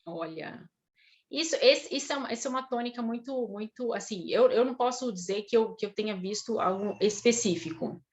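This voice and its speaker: A woman with a Brazilian Portuguese accent, a guest speaker answering audience questions on a video call, talking in a thoughtful, halting way with many restarts. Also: fairly high pitch. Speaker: guest speaker on Russian literature.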